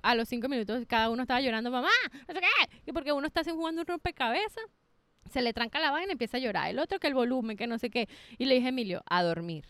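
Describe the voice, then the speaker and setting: A woman's voice: high voice, expressive, racing, dry recording. A young woman, a mother of small children, chatting casually as co-host, joking frankly about bedtime struggles. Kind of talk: casual chat.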